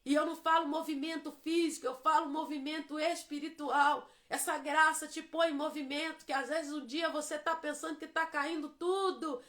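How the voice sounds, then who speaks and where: A Brazilian woman preaching a devotional sermon. She builds to fervent, sing-song shouting in prayer. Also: high voice, steady tone, moderate pace, few pauses. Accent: Brazilian Portuguese.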